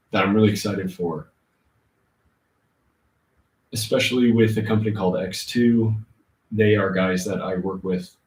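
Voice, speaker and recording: A man hosting a casual livestream, answering chat comments informally and thinking aloud in a halting way. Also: lowish voice, a little mellow. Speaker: livestream host. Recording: roomy, muffled, distant laptop-like mic.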